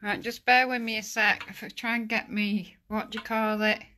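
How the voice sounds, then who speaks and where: A woman filming a casual ghost hunt on the stairs of her house, chatting and calling out loudly to spirits, recorded on a handheld phone. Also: fairly high pitch, flat delivery, moderate pace. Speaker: amateur ghost hunter. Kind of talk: casual home ghost-hunting vlog.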